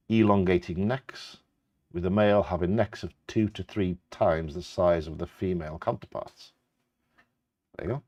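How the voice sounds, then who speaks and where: A man with a low voice co-hosts a live bingo game in a close, dry recording. He reads facts aloud casually, adding short asides and tripping over difficult names. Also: darkish tone, dry recording, muffled recording. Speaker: co-host reading out animal facts.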